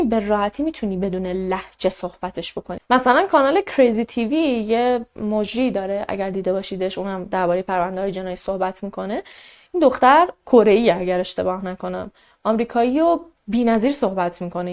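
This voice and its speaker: A woman casually narrating a true crime case, quoting the people involved as she goes. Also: mid-range voice. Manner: animated, quotes characters in a raised voice.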